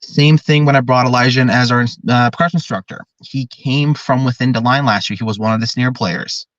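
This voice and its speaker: A man's voice: medium pitch, fairly even intonation, a little fast, fairly bright tone, no echo. Earnest young man, dull dry sound. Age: 20s. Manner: earnest, talkative, explains at length. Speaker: drum corps director. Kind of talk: podcast interview.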